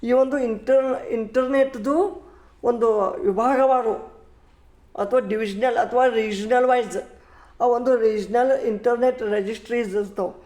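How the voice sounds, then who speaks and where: A man's voice: extremely high pitch, fairly even intonation, a little mellow. A man teaching an exam-prep lesson, repeating points and reading English questions out word by word. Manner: slow, repetitive, reads English questions word by word. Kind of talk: classroom-style exam lecture. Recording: echoey room.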